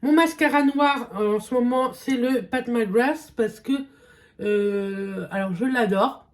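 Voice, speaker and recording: A woman's voice: on the high side, slow. A young woman vlogger chatting casually through a makeup test, hesitant and full of fillers. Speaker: beauty vlogger. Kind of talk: casual makeup vlog chat.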